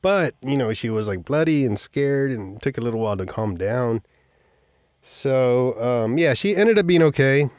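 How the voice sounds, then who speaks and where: Casual, swearing podcast host. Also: male voice, medium pitch, animated, moderate pace, a little mellow, no room sound, clean studio sound. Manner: rambling, sprinkled with swearing and offhand jokes. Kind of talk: casual storytelling monologue.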